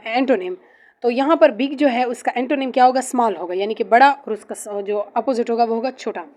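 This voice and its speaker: A woman teaches a grammar lesson for test preparation. She explains each term slowly and reads definitions aloud, pausing often on fillers. Her voice sits a little high. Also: darkish tone.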